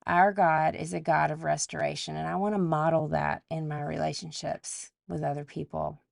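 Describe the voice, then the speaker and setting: A woman's voice: low-pitched, flat delivery, normal speed, creaky, no echo, studio quality. A woman, hosting a solo podcast and talking through a numbered list with faith asides. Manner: warm list-style reflection with faith asides. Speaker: podcast host. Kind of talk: scripted solo podcast talk.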